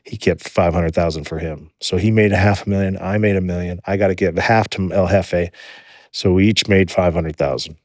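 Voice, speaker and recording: A man in his forties tells his story as a podcast guest in a low voice, recorded close and dry. He is animated and swears freely. He often repeats words as he gets going. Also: fairly quick, no echo. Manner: animated, profane, repeats words when excited. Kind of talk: casual storytelling.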